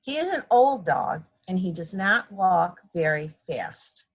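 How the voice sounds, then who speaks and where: A mother, visiting as a guest storybook reader, reads a picture book aloud to young children, explaining things simply like a teacher and playfully acting out sound effects. Her lowish voice is expressive, with a measured pace and a breathy edge.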